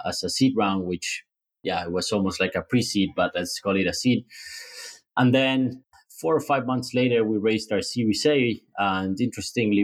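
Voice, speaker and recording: A man with a lowish voice talks as a startup founder being interviewed. He explains his business conversationally. He often doubles back on words and pads phrases as he goes.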